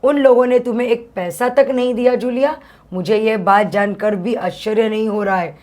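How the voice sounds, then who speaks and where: A woman reading out a stern stingy master of the house, lecturing, counting money out slowly, read aloud from a story in class. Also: fairly high pitch, steady tone, darkish tone, lightly acted. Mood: angry. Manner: lecturing, drawn-out reckoning of money.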